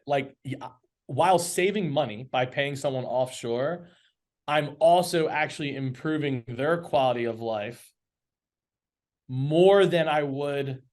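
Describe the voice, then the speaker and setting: Heard through a video call, an agency owner speaks at a medium pitch as a guest on a podcast. The talk is casual, and he's earnest, animated and ready to laugh.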